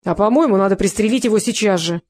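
A woman reading an audiobook, voicing a coarse, brutal older gang father who speaks loudly and with scorn. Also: medium pitch, fast, lightly acted.

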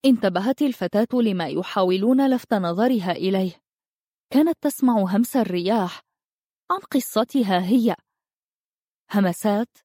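A woman reads a fantasy storybook aloud in an expressive, even-paced narration. Her voice is mellow and warm, and the recording is dry and close to the mic. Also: mid-range voice, dry recording.

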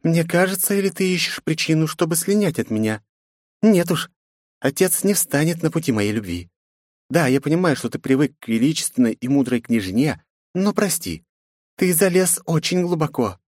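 A man's voice: fairly high pitch, very animated, normal speed, a little mellow, dry recording, clean studio sound, voice pushed up. A man voicing a defiant, sarcastic eighteen-year-old princess in an audiobook, with cheeky, mocking retorts. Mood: teasing.

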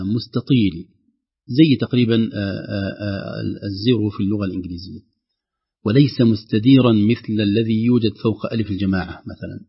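Husky-voiced man teaching Quran recitation. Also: lowish voice, lo-fi sound. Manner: explains rules, then models the recitation himself. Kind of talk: tajweed lesson with recited examples.

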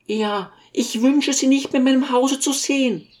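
A man reading an audiobook voices a hot-tempered, imperious rich lady in a shrill, commanding falsetto. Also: steady tone, moderate pace, a little mellow. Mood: scornful, imperious.

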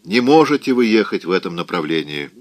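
A man's voice: low-pitched, very animated, brisk, no echo. A man voicing a self-assured, blunt man in an audiobook, speaking firmly. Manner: firm, commanding. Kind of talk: audiobook reading.

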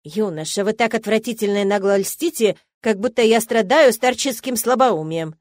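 A woman's voice: mid-range voice, normal speed, darkish tone, dry recording, close to an everyday voice. Woman narrator doing a disapproving old lady teacher, prim, dry read. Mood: prim indignant. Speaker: etiquette teacher.

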